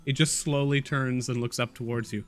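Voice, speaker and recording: A man's voice: mid-range voice, normal speed, faint music behind. A man narrating scenes as game master of a tabletop roleplaying game. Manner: relaxed, descriptive narration.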